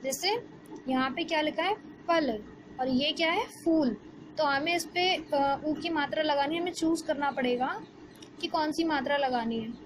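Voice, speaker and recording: A woman, teaching a Hindi lesson to young children and asking the class questions as she explains slowly. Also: high voice. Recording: background noise.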